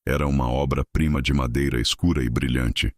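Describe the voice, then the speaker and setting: Extremely deep male story narrator. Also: fairly even intonation, no echo, studio quality. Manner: dramatic, measured storytelling.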